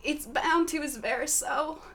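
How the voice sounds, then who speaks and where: A woman's voice: high voice, measured pace, a bit bright, pitched above the performer's own voice. A woman voicing a sentimental young woman adventurer in a raised, plaintive voice. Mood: tearful.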